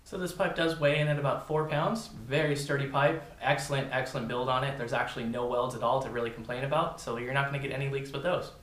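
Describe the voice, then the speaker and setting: A man's voice: medium pitch, fairly even intonation, fast talker, hardly any pauses, fairly bright tone, echoey room. A man giving a casual, informal product review, talking directly to his viewers. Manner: informal, addresses viewers as "you guys".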